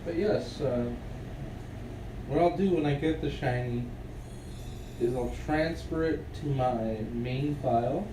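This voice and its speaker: Taking his time with long pauses, a young man with a medium-pitched, stuffy and sniffly voice chats to his stream while playing, offhand and rambling, sometimes just talking to himself. The home room is echoey, the mic far off, and background noise is present.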